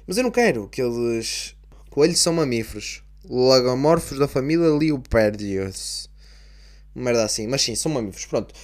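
A man's voice: a little high, a little mellow. A young man with a European Portuguese accent talks through a casual solo podcast monologue. He rambles from point to point, jokes with himself and swears freely. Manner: rambling, profane, jokey. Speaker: podcast host.

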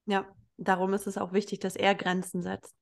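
A woman's voice: mid-range voice, flat delivery, moderate pace, creaky. A woman hosting a podcast, chatting in an agreeable, reflective way and asking questions. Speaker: podcast host. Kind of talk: casual podcast chat.

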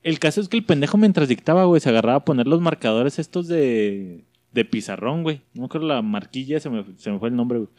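A man's voice: medium pitch, lively intonation, fast talker, few pauses, a little mellow, no room sound. A young man with a Mexican accent telling slangy stories in a casual chat, acting out the people he quotes. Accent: Mexican Spanish. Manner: slangy storytelling, acts out quoted voices.

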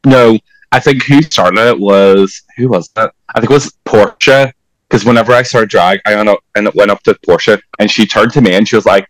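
Animated man with a Portuguese accent. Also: a little fast, no room sound, low-quality recording. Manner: animated, bursting into laughs and high exclaims. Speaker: podcast guest, drag performer. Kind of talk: casual chat.

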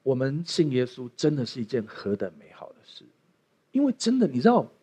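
Lively, joking male pastor preaching. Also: mid-range voice, fairly quick, breathy edge. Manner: playful, jokey preaching with acted asides. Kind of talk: sermon with prayer.

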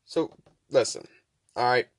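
A male podcast host speaks at a measured pace on a dry recording, his soft R sounds coming out close to W. He rambles casually and chattily, urging listeners on with repeated phrases.

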